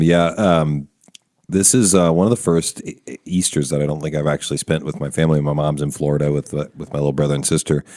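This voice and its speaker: Very deep-voiced easygoing man. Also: mellow, no room sound, studio quality. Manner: easygoing, laughs often. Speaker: podcast host. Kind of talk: casual chat. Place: podcast studio room.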